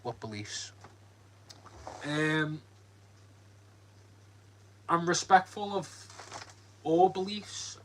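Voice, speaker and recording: A Scouse livestream host from Liverpool answers his chat from home by ring light, friendly and meandering with plenty of ums and likes. He speaks with a fairly high pitch, lively intonation, drawn-out words and long pauses in a fairly bright tone. The audio is poor, with slight hiss or hum.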